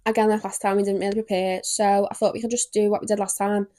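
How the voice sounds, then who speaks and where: A young woman hosting a podcast, chatty and giggly, breaking off a story reading to joke with her friend. Her voice sits in a middle pitch and sounds close and dry, with no room around it. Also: little pitch movement, dark tone, no echo. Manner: chatty, giggly, reads with quick asides. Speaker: podcast host. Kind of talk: casual chat and reading stories aloud.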